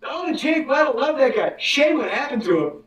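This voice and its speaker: A man putting on a high, gushing voice to mimic friendly coworkers. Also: very animated, moderate pace, fairly bright tone, heavily acted. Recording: roomy, distant mic.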